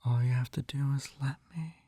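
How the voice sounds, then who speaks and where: A male audio roleplay performer with a warm, medium-pitched voice and fairly even intonation speaks fairly quickly as a doting, possessive yandere captor and hypnotist. His coaxing is slightly condescending and punctuated by sighs, in a studio-quality recording with no room sound.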